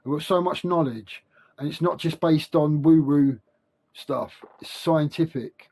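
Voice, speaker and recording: Guy talking with no teeth in, gummy soft consonants, kinda high voice, rambly self-help vlog, repeats himself a lot. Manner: halting, repetitive, self-questioning, informal. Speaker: self-help video creator. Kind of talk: rambling spiritual monologue to camera.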